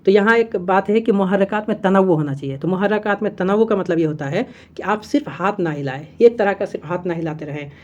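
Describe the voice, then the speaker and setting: This exam-prep lesson is led by a woman whose voice is low and a little mellow, recorded with the highs cut off. She reads notes aloud, explains each step, and repeats key terms amid fillers and self-corrections.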